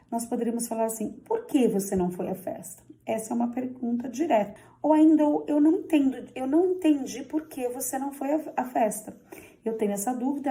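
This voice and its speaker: A woman teaching a grammar lesson in a clear, didactic way, repeating the rules and checking in with the viewer often. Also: fairly high pitch, mellow. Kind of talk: social media grammar lesson.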